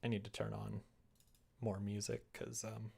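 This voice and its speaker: A husky, darkish male voice on the low side, flat and a little slow with vocal fry, comes from a livestreamer making a visual novel. While working, he chats casually, rambling, thinking aloud, and joking at his own expense.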